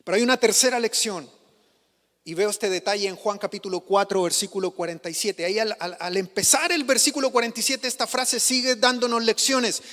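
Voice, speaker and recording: A man preaching a sermon as pastor, stressing key words slowly and emphatically. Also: sits high, sharp tone. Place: church sanctuary. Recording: long church hall reverb.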